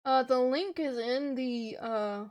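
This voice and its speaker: A woman's voice: high-pitched, takes it slowly, darkish tone. A woman streamer reading her own fanfic aloud on a livestream, with casual asides.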